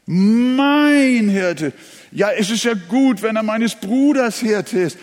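A man's voice: sits high, a little slow, a little mellow. A male pastor preaching a sermon, leaning hard on single words and repeating key phrases. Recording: long hall reverb.

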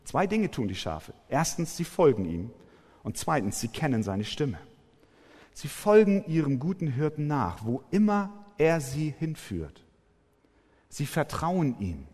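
A man preaching a sermon, emphatic, with forceful rising peaks. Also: a little high, big pitch swings, measured pace, husky. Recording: long hall reverb.

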